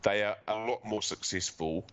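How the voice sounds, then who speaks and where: Male sports co-host, New Zealand accent, forceful bright tone on the low side, loose banter, slightly dull recording. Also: normal speed, clean tone. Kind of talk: casual rugby league banter.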